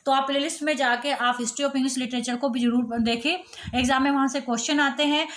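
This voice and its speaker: High-pitched woman, literature lesson, asks and answers her own questions, explains step by step. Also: fairly even intonation, a bit bright. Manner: reads English lines slowly and word by word. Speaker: teacher. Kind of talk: lecture on literary terms.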